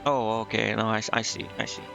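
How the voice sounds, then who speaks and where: Over game music, a male streamer talks fast in a lowish, flat voice with vocal fry. He's giving relaxed live commentary on his gameplay, wavering indecisively while thinking aloud and reading the game's text out.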